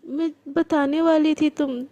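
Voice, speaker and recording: A woman plays a gentle young woman in a spoken love story. She is patient and coaxing and keeps calling her partner sweet names. Her voice is high and mellow. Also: fairly even intonation, unhurried, lo-fi sound. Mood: soothing. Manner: soft, coaxing, endearments.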